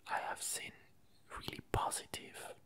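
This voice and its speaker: Whispering for an ASMR video, the creator speaks slowly with a bright quality. The talk is loose, rambling chatter, full of hesitation, stops, and self-corrections.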